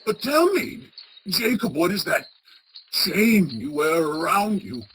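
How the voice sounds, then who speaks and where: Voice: medium pitch, very animated, slow, fairly bright tone, heavily acted. An actor playing a crotchety, frightened old male miser in a radio play, stammering and blustering as he speaks. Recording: clearly noisy track with ambience.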